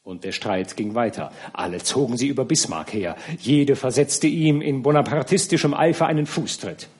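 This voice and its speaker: A man reading a classic novel aloud as an audiobook narrator, measured and grave. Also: medium pitch, darkish tone.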